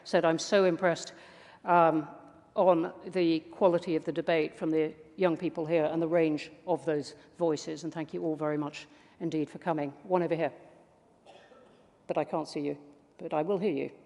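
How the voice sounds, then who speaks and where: A formal, measured chair leads a live prize ceremony in front of an audience, speaking at a mid pitch. The sound has a long reverb that rings through a large hall. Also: little pitch movement, a little mellow. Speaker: event chair.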